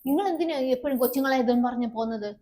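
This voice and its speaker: Fast, high-voiced scolding woman. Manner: sharp, scolding, sarcastic. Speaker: wife in a family web drama. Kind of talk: acted web series dialogue.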